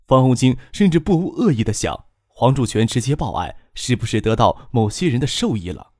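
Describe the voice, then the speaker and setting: Male audiobook narrator, lively pitch, dry close studio sound. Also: fairly quick, no echo.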